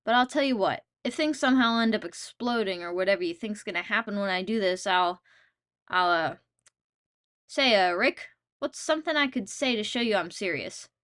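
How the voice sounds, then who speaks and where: A woman's voice: mid-range voice, normal speed, a bit bright. A woman narrating a comedic game video in a wry, playful, self-mocking way.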